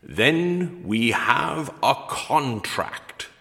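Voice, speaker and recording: A man reading a storybook as the Hogfather, a solemn, literal-minded gift-giver with a slow, deadpan delivery in heavy reverb. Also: gravelly, exaggerated voice. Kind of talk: storybook read-aloud character voice. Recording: long booming reverb.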